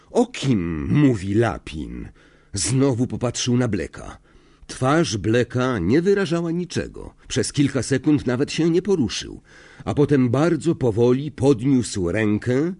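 A man narrates a novel in a slow, measured, expressive reading with lots of rise and fall in his voice. He is close to a studio mic, and the sound is dry, with no room echo. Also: medium pitch, slightly rough. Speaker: audiobook narrator. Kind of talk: scripted narration.

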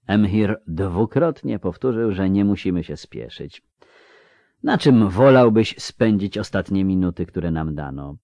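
A languid, murmuring grown woman, low and unhurried, read by a man. Her voice stays soft and quiet in a storybook telling. The sound is dry and close. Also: animated, no room sound.

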